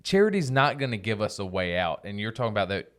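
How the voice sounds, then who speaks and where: A young man hosts a podcast, speaking in a relaxed, casual way and filling his sentences with "you know" and "um." His voice is low, smooth and resonant. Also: fast. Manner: relaxed, casual, drifts into fillers. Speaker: podcast host.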